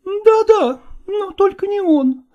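A woman's voice: very high voice, lively intonation, slow, mellow, lo-fi sound, full character voice. A woman voicing a defiant tearful young wife. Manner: emotional, defiant. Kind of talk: dramatized literary reading.

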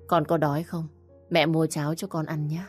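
A woman's voice: deep voice, level tone, normal speed, soft background music, lightly acted. A woman voicing a distraught middle-aged mother in an audio story. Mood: worried.

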